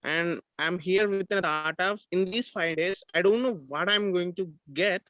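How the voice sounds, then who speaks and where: A man's voice: high voice, moderate pace, pushed and bright, no room sound. A man taking part in an online workshop, polite and rambling, often saying "sir". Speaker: workshop participant. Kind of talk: casual chat. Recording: dull, dry audio.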